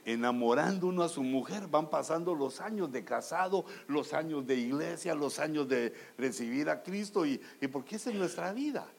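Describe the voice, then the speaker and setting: A man's voice: fairly high pitch, animated, normal speed, gravelly, few pauses, slight background noise. A man preaching a humorous sermon, joking and acting out little scenes as he talks to the congregation. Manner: addresses the congregation as brothers.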